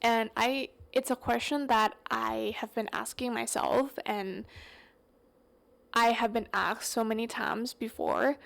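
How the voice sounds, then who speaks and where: With a creaky voice on the high side, a young Thai podcast host talks casually on her solo show in Thai-accented English, a non-native language for her, wandering through many fillers and self-corrections.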